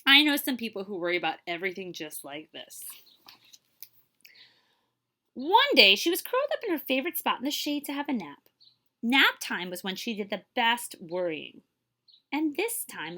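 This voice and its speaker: Here a woman reads a children's story in the role of a librarian, keeping a moderate pace in her mid-range voice. She leans on dramatic emphasis and asks the young listeners questions.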